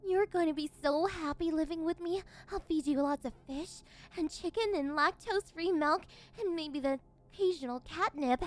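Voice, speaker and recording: A woman's voice: high voice, moderate pace, hardly any pauses, close to an everyday voice. A woman playing a possessive, unhinged yandere villainess in an ASMR role-play, cooing and teasing condescendingly as she domineers over her captive. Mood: gleeful cooing.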